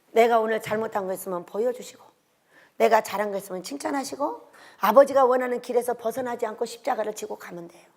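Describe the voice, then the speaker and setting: An older woman delivers an emotional sermon in a high voice with a gravelly edge of vocal fry. She swings from loud exhortation to hushed, breathy whispers. She keeps turning to the congregation with rhetorical questions. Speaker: preacher.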